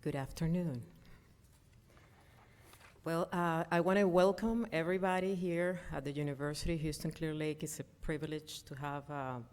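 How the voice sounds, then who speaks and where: Conference speaker: low-pitched, middle-aged woman, earnest and hesitant with many fillers. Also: steady tone, normal speed, a little mellow, clean tone. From Venezuela. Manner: earnest, frequent ums and uhs, restarts. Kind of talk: prepared conference talk.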